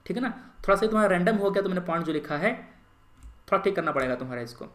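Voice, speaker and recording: A man's voice: high voice, expressive, rapid-fire, a bit bright, reverberant. A man mentoring exam candidates, reading student essays aloud and then giving comments in a mix of Hindi and English.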